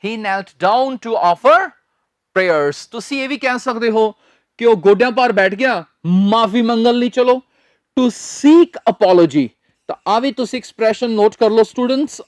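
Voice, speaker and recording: A man's voice: sits high, no echo, clean studio sound. A man teaching a spoken English lesson, spelling out words letter by letter and drilling his students with patient repetition. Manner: patient, step-by-step explaining.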